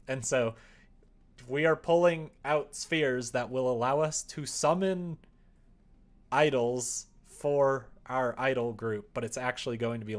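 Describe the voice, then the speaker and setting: A medium-pitched man works on a visual novel during a livestream, muttering to himself, thinking through the code aloud, and chatting with his viewers. The audio carries faint background noise and the sound of typing.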